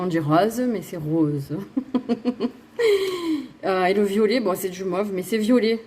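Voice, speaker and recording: A woman gives a casual card-reading guidance session in a bubbly, giggly way, rambling through fillers and restarts. Her voice sits at an ordinary middle pitch, and she keeps chatting straight to her viewers with self-mocking asides. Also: darkish tone, a little hiss or hum. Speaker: tarot and oracle card reader.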